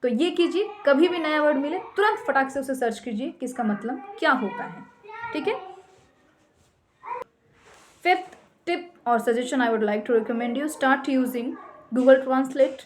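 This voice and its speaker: Indian woman, young, high voice, unhurried delivery, emphatic repeating teacher, faint background hiss. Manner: mixes Hindi and English, emphatic and repetitive. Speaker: English teacher. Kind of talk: casual tutorial talk.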